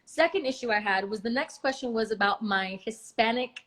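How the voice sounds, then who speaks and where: A young woman from Miami, hosting a casual talk, speaking frankly and profanely with animated exasperation. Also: on the high side, moderate pace. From Miami, United States. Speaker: podcast host. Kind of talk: casual conversation.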